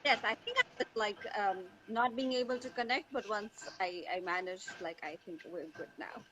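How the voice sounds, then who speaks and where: A Tanzanian teacher and mental health advocate answers interview questions conversationally, searching for words and repeating phrases for emphasis. Her voice is mid-range and sharp at a moderate pace. The audio is poor, from an online call with faint background noise.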